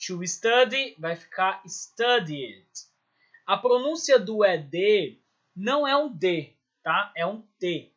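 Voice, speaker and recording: A Brazilian man with a high, bright voice teaches an English grammar lesson in a slow, unhurried way. He walks through each rule step by step and keeps checking in with his students. The recording sounds a little dull and lo-fi. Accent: Brazilian Portuguese. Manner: explains step by step, checking in with "certo?" and "beleza?".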